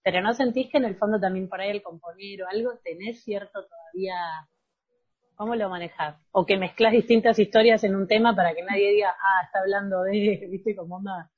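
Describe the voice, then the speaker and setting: Husky Argentine woman podcast host. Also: mid-range voice, steady tone, a little fast, narrow, tinny audio. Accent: Argentine Spanish. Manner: reflective, asks probing questions. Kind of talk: casual interview chat.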